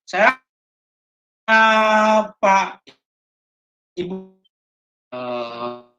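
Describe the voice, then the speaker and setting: A woman with an Indonesian accent leading a teacher training session, explaining slowly and haltingly with many fillers. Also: medium pitch, lively intonation, pushed and bright. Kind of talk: online training lesson. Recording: dull lo-fi audio.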